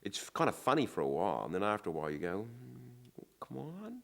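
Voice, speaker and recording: A man's voice: sits low, big pitch swings, rapid-fire. An older man, reminiscing casually and candidly in an interview with a wry manner.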